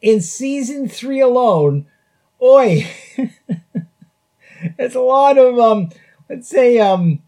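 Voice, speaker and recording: A man's voice: extremely high pitch, lively intonation, drawn-out words, pauses often, warm tone. A man hosting a podcast, reviewing a show in casual chat and chuckling often between phrases. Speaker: podcast host. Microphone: podcast mic.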